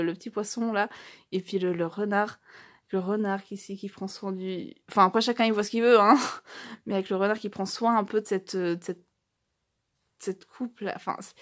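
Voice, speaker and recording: A woman doing a casual unboxing commentary, gushing over small items, with many fillers and restarts, reading English phrases slowly and stumbling. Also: medium pitch. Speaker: YouTuber unboxing a tarot deck.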